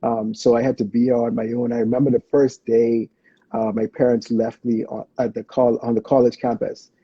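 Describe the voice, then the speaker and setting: A man's voice: mid-range voice, flat delivery, moderate pace, breathy edge, no echo, highs cut off. A man from the Bahamas hosting a podcast, affirming and reflective, often praising his guest in casual interview chat. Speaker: podcast host.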